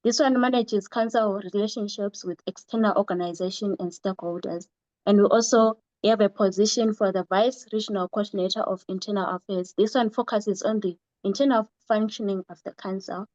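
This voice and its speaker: A young Zimbabwean woman, regional coordinator of a student association, gives a prepared, point-by-point presentation on an online call. Her medium-pitched voice is steady, a little fast and darkish in tone. The online call microphone makes the recording dry and muffled.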